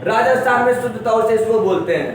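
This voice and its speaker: A man's voice: high voice, fast talker, a little hiss or hum. A man from Uttar Pradesh teaching a classroom lesson, quizzing his students and repeating each word for the class. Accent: Uttar Pradesh Hindi. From Uttar Pradesh, India. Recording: echoey classroom from far off.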